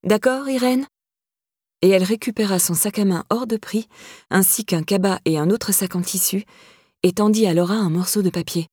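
A woman narrating an audiobook in a calm, even storytelling voice, close to the mic. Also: medium pitch, fairly quick, breathy edge, no room sound.

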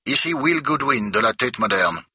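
A man's voice: medium pitch, expressive, moderate pace, bright, forceful tone, husky, dry recording, studio quality, voice pushed up, heavily acted. A man voicing a curt, irritated male museum director on the phone, speaking in a clipped, pinched way.

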